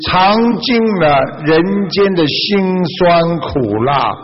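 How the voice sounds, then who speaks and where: A man's voice: a little high, animated. Man doing a pleading weary young man. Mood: plaintive. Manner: plaintive, pleading, rushed. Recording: dull reverberant lo-fi recording.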